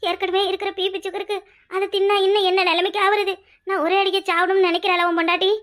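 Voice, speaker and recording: A woman voicing a sharp-tongued elderly village mother-in-law in a cartoon, nagging with a Kanyakumari Tamil accent. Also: very high voice, level tone, fast talker. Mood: complaining. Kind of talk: cartoon voice acting.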